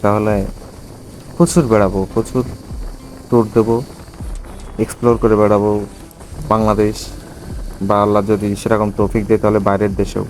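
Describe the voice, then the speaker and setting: A man's voice: on the low side, a little mellow, poor audio. Bangladeshi man vlogging from inside a helmet. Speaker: motovlogger. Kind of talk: casual riding vlog chat. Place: outdoors on a motorbike, inside a helmet.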